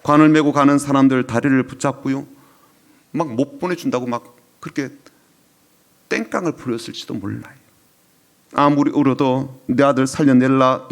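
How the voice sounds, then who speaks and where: Emotional male pastor preaching a sermon. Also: medium pitch. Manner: emotional storytelling preaching, dropping to whispers and rising in swells.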